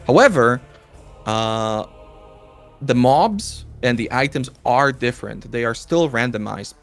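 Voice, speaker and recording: A man co-commentating an esports race, giving lively, upbeat play-by-play with some fillers. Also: medium pitch.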